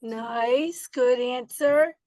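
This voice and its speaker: A woman teacher with a hoarse, spooky voice recovering from voice loss, encouraging children in an interactive online class. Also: fairly high pitch, drawn-out words, mellow, no echo. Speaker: teacher leading social emotional learning.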